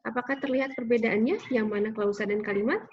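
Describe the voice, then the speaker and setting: A woman's voice: fairly high pitch, fairly even intonation, quick pace. A woman giving a recorded lecture on grammar, explaining patiently with frequent tag questions. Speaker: university lecturer. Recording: slightly dull lo-fi audio with faint noise.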